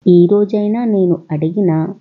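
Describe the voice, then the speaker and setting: A woman's voice: medium pitch, measured pace, narrow, tinny audio, lightly acted. A woman voicing a playful, teasing young daughter-in-law in a storybook tale.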